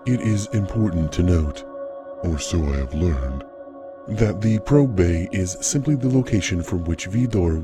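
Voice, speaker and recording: A man voicing a calm, formal male station AI, with a deep metallic robot sound and a measured, clinical, overly formal way of talking.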